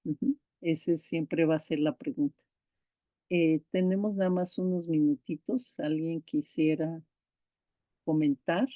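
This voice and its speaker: A woman gives an online lecture, talking slowly in a somewhat low voice. She explains patiently, restarting words and checking in with her students. The sound is dry and close, as on a video call. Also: steady tone, warm tone, no echo. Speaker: course instructor. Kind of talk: online lecture on pronunciation teaching.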